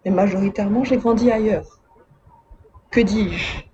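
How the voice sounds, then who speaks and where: In a muffled recording with a little hiss or hum, a woman with a warm, medium-pitched voice speaks unhurriedly to her viewers. She's a video essayist from Madagascar who grew up in Côte d'Ivoire and France, offering casual commentary peppered with chatty, wry, slangy asides.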